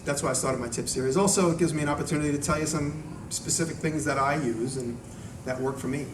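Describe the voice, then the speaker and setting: A man's voice: on the high side, steady tone, quick pace. A man speaking informally to a live audience as a video maker, in a rambling, conversational way that often doubles back on itself. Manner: conversational, rambling, self-interrupting. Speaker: video maker giving a talk and taking audience questions. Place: echoey room at a live event. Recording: echoey room, distant mic, noisy background.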